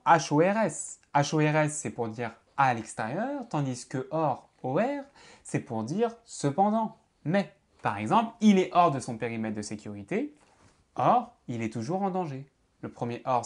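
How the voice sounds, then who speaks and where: A man teaches common spelling mistakes in a lively, up-and-down voice. He hammers his points home by repeating them and spells words out one letter at a time. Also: medium pitch. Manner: animated, insistent repetition, spells words letter by letter. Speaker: law lecturer and content creator. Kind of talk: spelling tips lesson.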